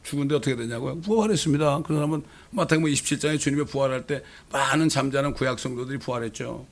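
Delivering a sermon at a quick pace, a middle-aged male pastor speaks at medium pitch. He leans on emphasis to drive his points home and asks his congregation rhetorical questions.

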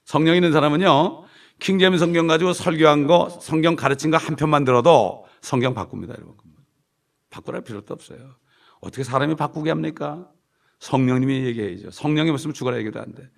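A man preaching a sermon with emphasis. He stretches out repeated phrases and drops to a mutter at the ends of lines. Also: a little high. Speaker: pastor. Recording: distant gravelly room recording.

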